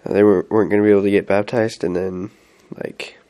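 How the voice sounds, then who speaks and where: Here a young man serving on a mission talks quickly in a lowish, warm, level voice. His casual weekly vlog update rambles with fillers and restarts, and a head cold leaves him sounding stuffy.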